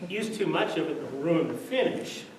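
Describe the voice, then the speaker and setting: Guy doing stand-up storytelling, lively up and down, big echoey hall, noisy far-off recording. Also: a little high, normal speed. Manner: lively, laughs through his punchlines. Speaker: comedian. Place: large room at a party.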